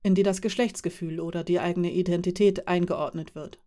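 A woman reading the lines of a calm, friendly man who is part elf and part dwarf, explaining things with quiet amusement. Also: on the low side, a little fast, close to an everyday voice.

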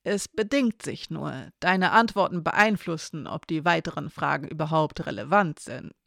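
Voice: mid-range voice, moderate pace, gravelly, a bit bright, dry recording, studio quality. A storyteller reading the lines of Elena, a nervous but teasing young woman who speaks hesitantly and then hastily, in a storybook reading. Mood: unsure.

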